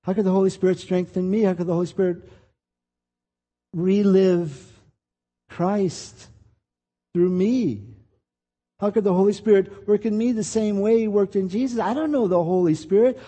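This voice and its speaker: A man's voice: high voice, moderate pace, pauses often, dark tone. A male preacher giving an impassioned, confessional sermon with a repetitive, building rhythm. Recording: long hall reverb.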